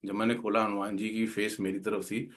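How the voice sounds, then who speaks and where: A man's voice: fairly low pitch, level tone, a little fast, fairly bright tone. A man earnestly telling a heartfelt personal devotional story, slipping English words into his talk. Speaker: guest speaker at a devotional gathering.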